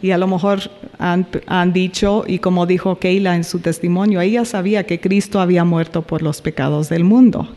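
A man's voice: high-pitched, steady tone, a little mellow, long reverb tail. A man teaching a small Bible study group, reading quotes aloud, asking the group questions and correcting himself as he goes. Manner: asks the group questions, pauses and self-corrects.

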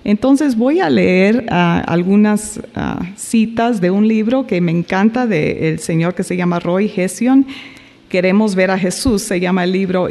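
A man's voice: high-pitched, darkish tone, big-room sound. A man teaching a small Bible study group, reading quotes aloud, asking the group questions and correcting himself as he goes. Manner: asks the group questions, pauses and self-corrects.

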